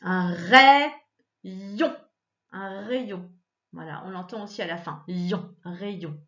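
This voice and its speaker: A primary school teacher patiently gives a child a reading lesson, sounding out syllables and repeating words, her pitch jumping up whenever she stresses a point. She speaks a little slowly with a darkish tone, and the recording is lo-fi.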